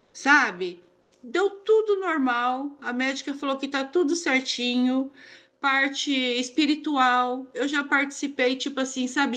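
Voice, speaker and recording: A woman with a Brazilian Portuguese accent, a therapy group participant pouring out a personal account in a rambling, confiding way full of repeated fillers. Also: high-pitched.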